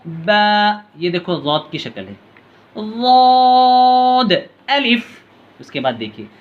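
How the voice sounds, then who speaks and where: A man teaching letter reading step by step. He calls out each letter name in a long, drawn-out tone, then explains quietly in a lower voice. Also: lo-fi sound. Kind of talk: patient step-by-step reading lesson.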